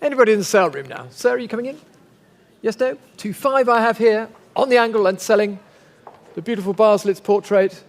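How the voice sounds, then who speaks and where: High-pitched male auctioneer calling bids. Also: fairly quick. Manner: polite, formal, coaxing bidders. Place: large auction sale room.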